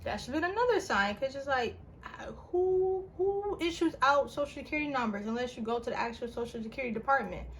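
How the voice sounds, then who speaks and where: A young woman casually telling a personal story on her channel, her voice jumping up in pitch and full of "like" fillers. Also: a little fast, slight background noise. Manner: animated, with big pitch jumps and frequent "like" fillers. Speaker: vlogger.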